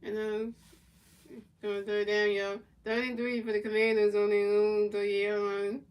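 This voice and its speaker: A woman streamer with a flat, medium-pitched voice calls a football video game she is playing, her tone clear and resonant though recorded from a distance. She announces plays in a measured, even delivery and answers chat in casual slang, mixing play-by-play with replies to viewers.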